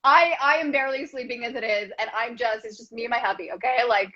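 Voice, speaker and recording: A woman in her thirties, a guest on a casual video call, effusive and gushing, talking in quick rushes. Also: fairly high pitch, sharp tone, lo-fi sound. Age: 30s.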